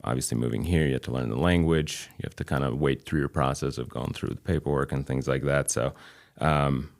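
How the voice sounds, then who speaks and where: His bass voice is gravelly, with fairly even intonation: a Kosovo-born man in his thirties, native in Albanian and lightly New England-accented, appearing as a guest chiropractor. The interview chat is casual, and he speaks in a measured, reflective way with many pauses.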